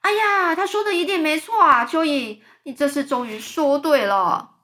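A woman voicing a loud, excitable male centipede in a storybook reading, shouting and agitated. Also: very high voice, a little fast, voice pushed up, exaggerated voice. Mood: excited.

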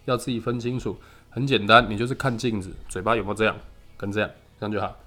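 A man teaching English pronunciation on a podcast, patiently drilling sounds slowly and repeating them. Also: lowish voice, steady tone, sharp tone.

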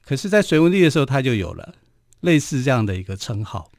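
A man with a Taiwanese Mandarin accent hosts a radio history program, speaking in a loose storytelling way that is dotted with little filler particles. His voice sits at a middling pitch. The studio sound is dry and close. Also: very animated, fast talker, darkish tone, no room sound. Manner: chatty, frequent filler particles.

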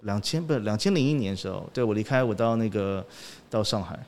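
Guy in his 40s, interview guest, halting, says yes yes a lot, mixes in english. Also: fairly low pitch, lively intonation, a little mellow. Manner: halting, repeats 对 often, drops English words. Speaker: sound director guest. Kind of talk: casual interview chat.

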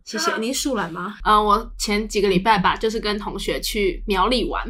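A woman's voice: medium pitch, fairly quick, pushed and bright. A young woman with a Taiwanese Mandarin accent, chatting casually as a podcast co-host and telling chatty stories with acted-out dialogue. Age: young adult. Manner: chatty storyteller who acts out dialogue. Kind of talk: casual chat.

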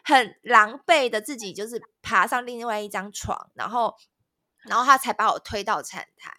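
A woman, a podcast guest telling a story in an animated, dramatic way. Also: on the high side, normal speed, dry recording, studio quality. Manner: animated, dramatic retelling with laughter. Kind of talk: casual storytelling chat.

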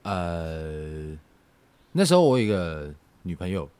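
A young man, telling a personal story on a podcast in a halting, reflective way. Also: deep voice, very animated, darkish tone, smooth. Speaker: podcast co-host. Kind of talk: casual podcast chat.

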